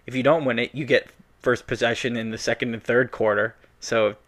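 A man's voice: medium pitch, steady tone, a little fast, fairly bright tone. A man co-hosting a casual film chat, explaining things at length and chuckling. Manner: explains at length, chuckles, talks over his co-host. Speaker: podcast co-host.

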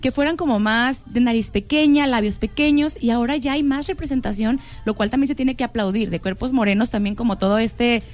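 A woman's voice: a little high, fairly quick, few pauses, darkish tone, soft background music. A young woman with a Mexican accent, co-hosting a casual panel chat in an earnest tone and repeating words as she thinks. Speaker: podcast co-host.

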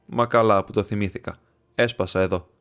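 A man's voice: lowish voice, fairly even intonation, a bit bright, faint music behind. A man voicing a proud, scornful nobleman who makes a bitter, mocking confession. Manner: mocking and defiant.

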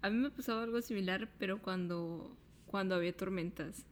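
A woman with a Mexican accent who co-hosts a casual chat. She keeps it relaxed and reacts with short fillers. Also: mid-range voice, fairly quick. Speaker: co-host.

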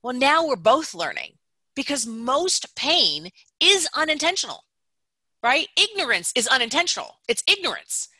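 A woman's voice: sits high, very animated, normal speed, bright, forceful tone, slightly rough, dry recording. A woman company founder speaking as an interview guest. She explains her ideas emphatically and step by step, often checking in with "right?".

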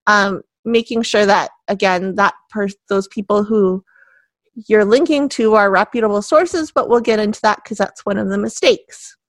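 A woman's voice: mid-range voice, no room sound. A woman co-hosting a podcast in a casual, chatty way, laughing often between points. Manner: giggly, chatty, quick asides. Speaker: podcast co-host.

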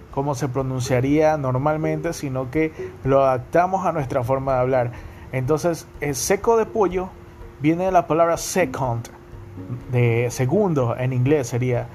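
A man's voice: medium pitch, normal speed, darkish tone, a little hiss or hum. A young man from Guayaquil with a coastal Ecuadorian accent, hosting a casual podcast monologue and checking in with his listeners often. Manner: chatty, repeats ¿me entienden?. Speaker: podcast host.

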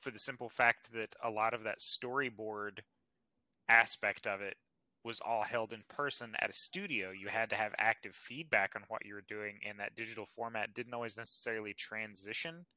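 A man co-hosting a casual podcast with a strikingly bright, forward voice. He explains in a confident, informal way. The sound is dry and close. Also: on the low side, fairly even intonation, moderate pace, dry recording, low-quality recording. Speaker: podcast co-host. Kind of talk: casual chat.

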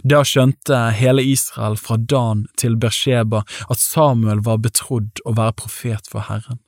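A man reading scripture aloud in a measured, steady way, lightly shading the quoted speech. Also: mid-range voice, no echo, clean studio sound. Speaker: Bible reader.

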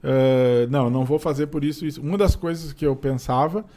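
A man's voice: mid-range voice, fairly quick, warm tone. A man with a southern Brazilian Portuguese accent, telling his experiences in a casual, colloquial podcast chat and acting out bits of dialogue. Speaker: podcast guest. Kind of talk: casual conversational storytelling.

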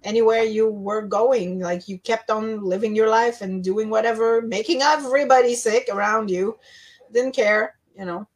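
A woman's voice: a little high, fairly even intonation, moderate pace. Casting: middle-aged woman, co-host, tired and yawning, rambling easy chat. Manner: rambling, with many restarts and fillers. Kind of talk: casual chat.

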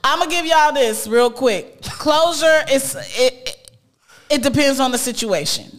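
A woman hosting a podcast in sassy, casual banter, quick to laugh and giving relationship advice. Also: sits high, lively intonation. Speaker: host.

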